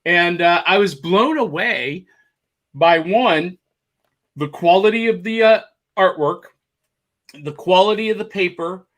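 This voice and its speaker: With a measured pace and frequent pauses, a high-pitched man with a fairly bright tone co-hosts an informal chat by video call. He's excited and rambling, showing off the things he turned up.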